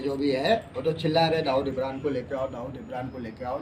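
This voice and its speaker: A man delivers an emphatic, repetitive political monologue to camera as a vlogger. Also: on the high side. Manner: emphatic, ranting, repeats himself. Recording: distant mic, faint background noise.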